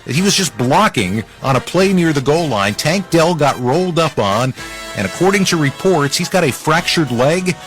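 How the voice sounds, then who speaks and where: A man's voice: a little high, lively intonation, moderate pace, fairly bright tone, faint music behind. A man hosting a radio football roundup, narrating scores in a punchy, informal way with conversational asides. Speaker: sports radio highlights host.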